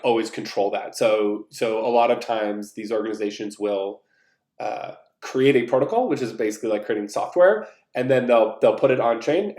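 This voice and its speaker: A man's voice: medium pitch, darkish tone. A man hosting a podcast, talking through a solo intro in a loose, rambling way with many fillers and restarts. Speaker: podcast host. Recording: roomy echo.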